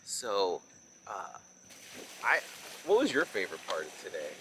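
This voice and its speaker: A man's voice: sits low, wildly swooping pitch, measured pace, a bit bright, a little hiss or hum, rough recording. A man hosting a motorcycle vlog, chatting casually in an outdoor recording. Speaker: motovlog host. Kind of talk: casual chat.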